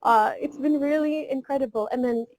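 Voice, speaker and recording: Young american woman on a video call, fairly high voice, earnest and chirpy, faint hiss. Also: normal speed, darkish tone, rough recording. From Seattle, United States. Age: 20s. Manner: earnest and upbeat, slips in Filipino words. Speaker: beauty pageant contestant guest. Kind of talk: casual online interview.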